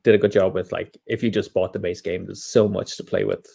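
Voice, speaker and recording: Calm, agreeable man with a lowish voice. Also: vocal fry, breathy edge. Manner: measured and agreeable, adding to the other host's points. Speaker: podcast co-host. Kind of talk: casual chat about board games.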